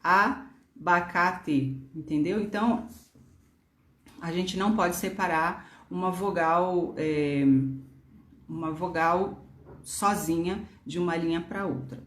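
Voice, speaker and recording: Woman, Brasília Portuguese accent, grammar teacher, patient, slightly low voice, echoey room. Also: fairly even intonation, slow, a bit bright, slight background noise. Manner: patient, spells words letter by letter, frequent "né?" and "tá?". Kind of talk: online grammar lesson.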